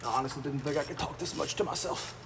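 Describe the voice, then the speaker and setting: This American man, a native English speaker, is a trucker and vlogger with a fairly high voice who talks fast. He rambles casually through a hands-on repair vlog, muttering in a folksy, self-deprecating way while he works. The mic is distant and echoey, and workshop noise comes through clearly.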